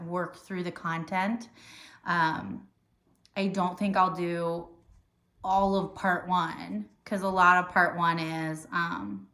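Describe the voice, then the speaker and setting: A woman's voice: lowish voice, fairly bright tone. Chatty woman podcaster in a roomy space. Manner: chatty, rambling with many fillers and restarts. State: hiccuping. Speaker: podcast host. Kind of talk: casual chat. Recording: roomy echo.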